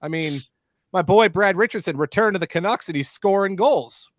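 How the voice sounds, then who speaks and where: A man's voice: high-pitched, moderate pace, no room sound, clean studio sound. A man guesting on a sports podcast, bantering playfully and joking about snacks. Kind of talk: casual podcast chat.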